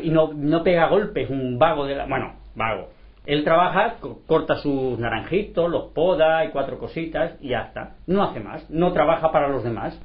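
Lively man telling stories, lo-fi. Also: a little high. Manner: animated storyteller acting out dialogue. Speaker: street sweeper. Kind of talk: casual group discussion. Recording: lo-fi recording.

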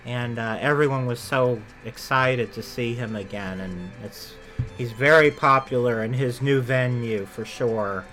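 With faint music behind him, a podcast co-host rambles casually about theme park attractions, correcting himself mid-sentence often. He has a medium-pitched, slightly bright voice and speaks at a measured pace.

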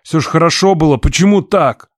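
A woman voicing a rough, angry young man who is drunk, speaking in a low, hoarse, demanding voice for an audiobook. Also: expressive, normal speed, a little mellow, no room sound, clean studio sound, exaggerated voice. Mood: angry pleading. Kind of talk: audiobook reading.

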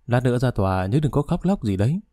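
A male narrator voicing a young man on trial who speaks calmly and gently. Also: medium pitch, fast talker, dry recording, studio quality, natural voice.

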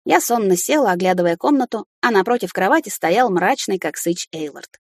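A woman reading a first-person fantasy novel aloud in a mid-range voice. Her delivery is expressive and climbs higher and more heated in the arguments. The recording is dry and close. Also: brisk, no room sound. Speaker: audiobook narrator.

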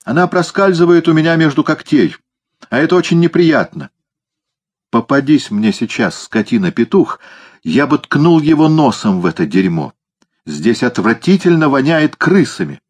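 A cranky, sharp-tongued tomcat, put on by a male narrator, snapping and grumbling from the bottom of a drain. His voice sits well above the reader's own, with a slightly husky edge. It sounds like a storybook cat with no patience for anyone. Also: fairly high pitch, animated, moderate pace, voice pushed up. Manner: irritable, snapping. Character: gruff grumpy male cat stuck in a sewer.

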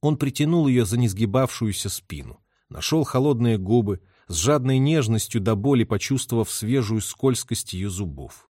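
A man's voice: medium pitch, expressive, normal speed, few pauses, warm tone, no echo. A man reading a novel aloud as a narrator, telling the story expressively into a close mic. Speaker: audiobook reader. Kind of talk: literary narration.

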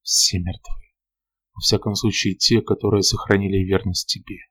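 A man reading an audiobook, voicing a weary older noblewoman who speaks softly and pleadingly. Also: sits low, little pitch movement, normal speed, breathy edge. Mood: grave.

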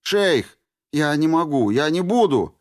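A man reading an audiobook voices a desperate young male stalker who pleads and shouts in a strained, raised voice. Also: a little high, big pitch swings, slow pace, voice pushed up. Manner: pleading, then furious shouting.

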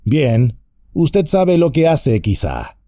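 Guy doing a jumpy chubby innkeeper, talks high and fretful, lots of up and down, dark dry sound. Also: very animated, takes it slowly, no room sound. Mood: flustered. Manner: flustered, anxious, talkative. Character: nervous fussy stout male innkeeper.

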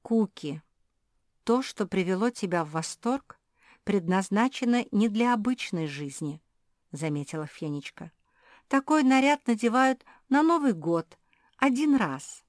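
A woman voicing a sensible female cat in a storybook reading, calm and reproving. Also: medium pitch, measured pace, no room sound, clean studio sound, voice pushed up, lightly acted.

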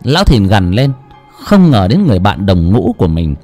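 A man's voice: on the low side, big pitch swings, moderate pace, dark tone. Guy reading a story, swoops all over, faint music under. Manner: dramatic storytelling. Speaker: narrator. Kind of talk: scripted audiobook narration.

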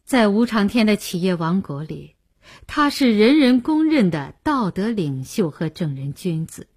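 Brief: female audiobook narrator, husky, expressive, lively melody. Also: mid-range voice, unhurried. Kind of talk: scripted novel narration.

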